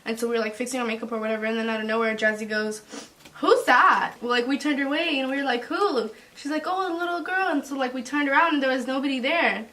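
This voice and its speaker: A young woman casually chiming in with her own ghost story on a vlog, chatty and quick to add details. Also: fairly high pitch, fairly even intonation, a bit bright. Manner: quick, chatty, adds to the other speaker's stories. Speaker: vlog co-host.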